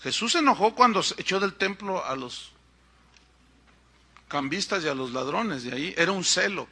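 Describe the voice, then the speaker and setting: A middle-aged man with a Mexican accent preaching a sermon, telling stories in an animated way and acting out the people in them. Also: sits high, normal speed, slightly rough. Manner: animated storytelling with acted-out quotes. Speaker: pastor.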